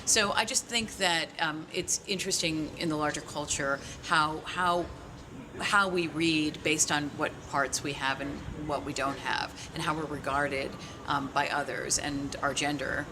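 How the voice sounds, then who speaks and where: A woman's voice: low-pitched, fairly even intonation, unhurried. A woman in her forties speaking bluntly and frankly in an interview. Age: 40s. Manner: blunt, frank, with mild profanity. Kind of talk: candid interview talk. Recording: noisy recording.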